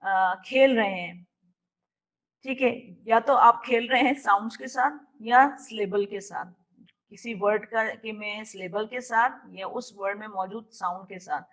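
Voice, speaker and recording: A woman's voice: medium pitch, unhurried, fairly bright tone, rough recording. A woman with a Pakistani Urdu accent leading an online teacher training session, explaining patiently, mixing in English words and sounding words out phoneme by phoneme.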